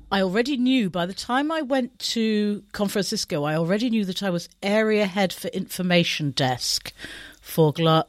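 A woman in her fifties tells stories briskly in a casual podcast chat. Her voice is recorded dry and close, with no room sound. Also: mid-range voice, dry recording. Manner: brisk, anecdotal storytelling. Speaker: podcast guest.

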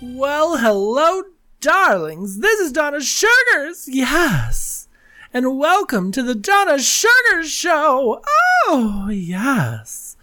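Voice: sits high, big pitch swings, takes it slowly, sharp tone, faint music behind. A podcast host with a campy drag queen delivery, theatrical and exclamatory, gossipy and self-mocking, talking solo to listeners. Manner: gossipy, self-mocking, peppered with "girl" and "darlings". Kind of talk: casual solo podcast chat with a theatrical show opening.

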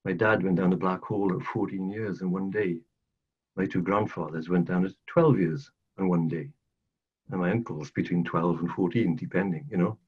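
The older podcast guest from South Wales has a deep, steady voice with a breathy edge and speaks at normal speed in his Welsh accent. Recounting his life earnestly in a casual storytelling interview, he repeats phrases for emphasis, recorded in dull lo-fi audio.

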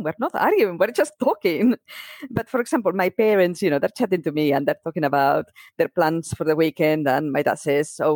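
A middle-aged woman from Spain, a native Spanish speaker, chats casually and tells stories by acting out what people said. Her voice is medium-pitched and a little mellow, and the recording is dry.

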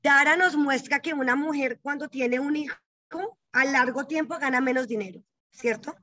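A woman's voice: high voice, moderate pace, sharp tone, muffled recording. A woman in her thirties, a guest in an interview, telling her story in an earnest, emphatic way and often checking in with the listener. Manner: emphatic, repeats questions like "¿cierto?".

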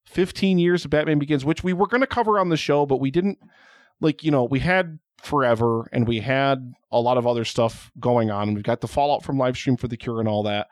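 A man's voice: mid-range voice, fairly quick, no room sound, clean studio sound. Rambling, joking male podcast host. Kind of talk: casual chat.

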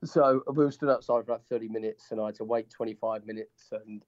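A man talks fast in a lowish, fairly even voice, chatting casually as a podcast co-host over a Skype call. His head cold leaves him stuffy and muffled, like he's behind a wall, and he tends to ramble and self-correct. The dull, lo-fi call audio carries no echo.

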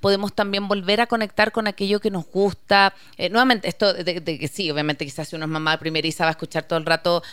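A woman's voice: on the low side, steady tone, quick pace, few pauses, a bit bright, clean tone, dry recording, studio quality. A woman hosting a casual talk, chatty and enthusiastic. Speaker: podcast host. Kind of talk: casual conversation.

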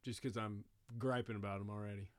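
A man's voice: on the low side, steady tone, brisk. A man hosting a casual conversational interview, speaking in a folksy, encouraging way. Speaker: interviewer, podcast host.

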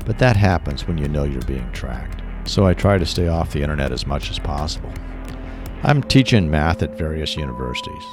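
A man's voice: very deep voice, expressive, fairly quick. A man voicing a paranoid middle-aged former tech worker who talks urgently and insistently, with music behind. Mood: earnest.

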